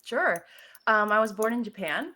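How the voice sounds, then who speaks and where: An American woman from the Seattle area appears as a podcast guest, telling stories in a casual, conversational way. Her voice is medium-pitched at a normal pace, and she is animated and emphatic, with jokey asides and acted-out quotes.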